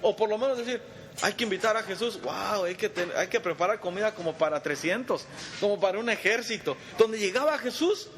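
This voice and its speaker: A man's voice: sits high, lively intonation, brisk, fairly bright tone. A man teaching a Bible study in a conversational way, quizzing his group and calling them brother, in a church meeting hall. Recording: long reverb, faint background noise.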